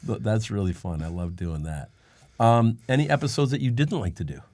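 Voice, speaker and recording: A man co-hosting a casual podcast chat, telling stories with lively quotes of other people. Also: on the low side, a little fast, no room sound. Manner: storytelling, animated when quoting others. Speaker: podcast co-host. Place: lives in Canada.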